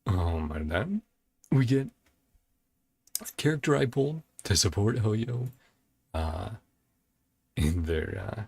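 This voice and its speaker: Slow and expressive, a man with a lowish voice reacts casually in his reaction and ranking video, thinking aloud in short broken phrases with long pauses. His voice is creaky, a little mellow, with a breathy edge, and music runs in the background.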